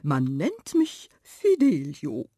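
A gallant tomcat purrs out his lines slowly in a lower, drawling voice, as a woman reading a bedtime radio story puts him on. He sounds smooth and a bit cheeky, with a soft, breathy edge. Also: wildly swooping pitch, no echo, clean studio sound, exaggerated voice. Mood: charming. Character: smooth charming male tomcat, Fidelio.

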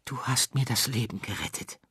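A man voicing a small, timid but brave earthworm in a storybook reading, faking a gruff voice to bluff. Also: mid-range voice, expressive, normal speed, pushed and bright, dry recording, clean studio sound, voice pushed up, exaggerated voice. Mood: earnest. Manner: trembling, then gruff when bluffing.

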